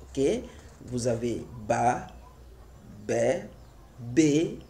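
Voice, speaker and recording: A man's voice: mid-range voice, lively intonation, very slow, warm tone, slight background noise. A man teaching a French literacy lesson, spelling letters and syllables aloud one at a time and repeating them for adult learners.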